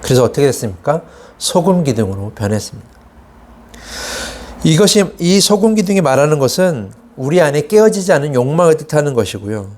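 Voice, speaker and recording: Man, pastor, Sunday sermon, rhetorical questions, fairly high-pitched. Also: very animated, a little fast, a little mellow. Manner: acts out quoted complaints in a raised voice; asks the congregation rhetorical questions.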